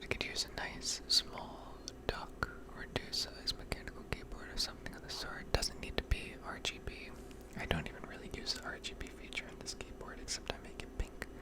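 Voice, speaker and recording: In a whispered ASMR style, a woman narrates gameplay as a video game streamer. Her commentary is casual and rambling, with hesitant pauses.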